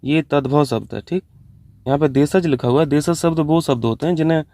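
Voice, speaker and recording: A man's voice: fairly high pitch, brisk, dark tone, no room sound. A man teaching an online exam-prep lesson, working through answer options step by step and mixing English terms into his explanations. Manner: mixes English terms into Hindi. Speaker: Hindi teacher.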